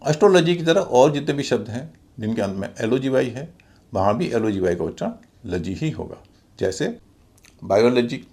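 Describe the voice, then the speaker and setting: Man, pronunciation teacher, lively pitch, slow careful spelling, scripted lesson. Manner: slow, deliberate spelling out of letters and syllables.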